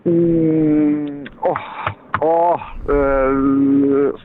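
A man answering rapid quiz questions on radio, hesitating with many ums. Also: a little high, little pitch movement, narrow, tinny audio, background noise. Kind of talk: casual morning radio banter.

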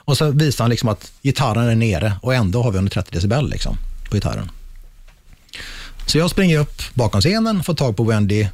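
A man's voice: mid-range voice, lively intonation, a little mellow, no room sound. A man talking casually about his work running a festival, telling anecdotes with acted-out quotes. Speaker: festival production manager. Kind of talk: casual storytelling in a podcast chat.

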